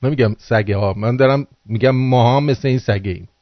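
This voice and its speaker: A man's voice: mid-range voice, no echo. A man hosting a radio call-in show, scolding his listeners in a crude, angry political rant. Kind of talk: ranting political monologue. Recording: dull lo-fi dry sound.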